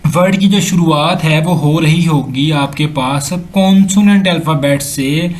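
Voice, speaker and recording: A man with a Pakistani accent teaching English grammar over slides, slowly repeating examples and mixing in English sentences. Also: fairly high pitch. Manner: slow and repetitive, drills examples aloud, mixes in English sentences. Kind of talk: slide-based lesson explanation.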